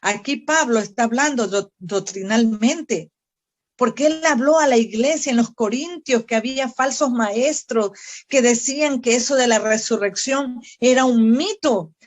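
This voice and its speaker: A woman's voice: fairly high pitch, measured pace. A woman missionary teaching a Bible study, earnest and fervent, often asking her listeners questions directly. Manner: earnest, fervent preaching with prayers spoken aloud.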